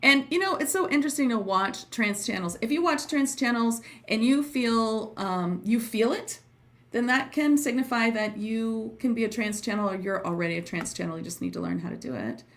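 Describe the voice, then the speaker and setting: A woman's voice: on the high side, moderate pace. A woman hosting a casual livestream as a teacher, chatting with viewers in an informal, giggly, effusive way. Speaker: host and trance channeling teacher.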